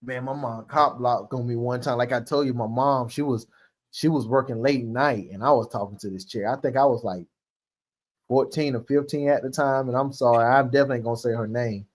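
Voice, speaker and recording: A male host in casual chat, telling lively stories and acting out quotes with frequent laughter. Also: medium pitch, fairly quick. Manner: animated storyteller, acts out quotes, laughs often.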